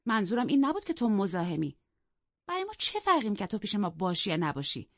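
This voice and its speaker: A woman voicing a proud, sharp-tongued young woman who mocks and scolds in an audiobook. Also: medium pitch, big pitch swings, no echo, voice pushed up. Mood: scornful. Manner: cutting and mocking. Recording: dull, dry lo-fi recording.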